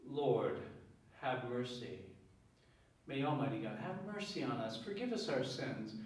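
Solemn priest in booming cathedral echo. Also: male voice, expressive. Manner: measured, solemn delivery. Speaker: priest celebrating Mass. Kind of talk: liturgical prayer and scripture reading. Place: large reverberant church. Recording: heavy church echo, mic far off.

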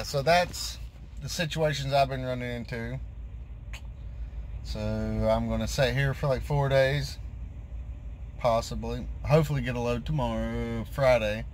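A man's voice: medium pitch, slight background noise. A man in his thirties, an owner-operator truck driver, rambling in a frustrated casual vlog rant from inside his parked truck cab, filmed on a phone held at arm's length. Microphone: phone camera at arm's length.

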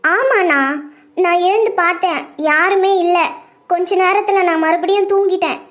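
Woman voicing a scared young girl, high and timid. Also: moderate pace, a bit bright, muffled recording. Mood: frightened. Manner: hesitant, pleading. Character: timid teenage girl, anxious younger sister. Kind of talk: web-series horror drama acting.

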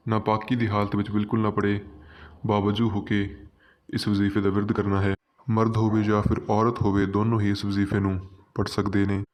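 Calmly walking viewers through a ritual, the channel host gives religious instruction in a low, level tone. He repeats himself often and speaks to his audience as his friends.

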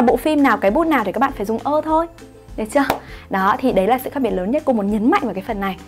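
A woman English teacher patiently explains grammar in an online lesson, often asking "right?" to check her students are following. Her voice sits on the high side and sounds a little mellow.

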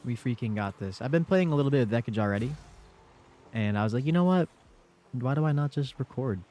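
A gaming YouTuber, congested from a cold, gives laid-back play-by-play commentary over his own gameplay. The young man's medium-pitched voice is warm and animated, and he speaks a little fast.

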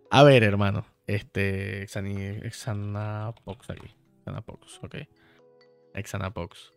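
A man with a fairly low, gravelly voice talks slowly and flatly while streaming a video game, chatting playfully with viewers and swearing freely as he addresses chat directly. His tone is clean and the recording dry, with faint music in the background.

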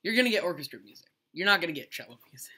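A man's voice: on the high side, big pitch swings, racing, sharp tone, slightly rough. A young man co-hosting a casual podcast with his mother, joking and rambling as he talks. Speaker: podcast co-host, son. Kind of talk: casual chat.

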